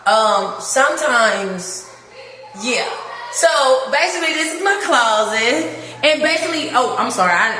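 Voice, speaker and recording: A woman's voice: medium pitch, bright, forceful tone. A woman chatting on a livestream as she shows her new apartment, heartfelt and often laughing. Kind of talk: casual livestream chat. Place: empty apartment rooms. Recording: echoey empty rooms with long reverb.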